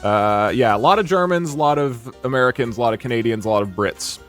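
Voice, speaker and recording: This streamer's mid-range voice moves fast over soft background music. Sitting at a green screen setup with a desk mic, he reacts to viewer comments in an animated ramble, restarting often and using plenty of fillers.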